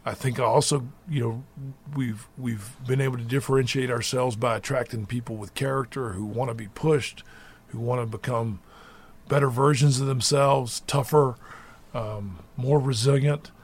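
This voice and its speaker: A middle-aged college basketball head coach answers interview questions thoughtfully and in a measured way, often restarting his sentences. His voice is mid-range with a steady tone.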